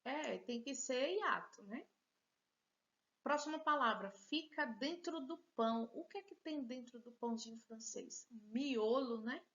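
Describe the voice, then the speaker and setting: A woman's voice: a little high, animated, measured pace, a bit bright, lo-fi sound. A woman teacher with a Brazilian Portuguese accent, giving a patient, encouraging lesson and joking about her own handwriting. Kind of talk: recorded remote class lesson.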